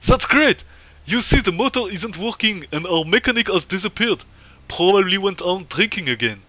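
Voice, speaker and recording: A man's voice: sits high, animated, moderate pace, pushed and bright, no echo, voice pushed up. A man voicing a pompous Soviet-style village official of about fifty, using a put-on Russian accent in English and speechifying grandly. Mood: grandiose. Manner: grandiose, speechifying, calls everyone comrade.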